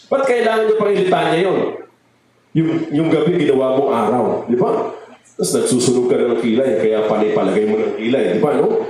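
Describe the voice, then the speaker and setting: A man's voice: mid-range voice, lively intonation, brisk, mellow. A man giving a conversational sermon as a lay preacher, joking and often prompting the congregation for amens. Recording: very echoey hall with faint noise.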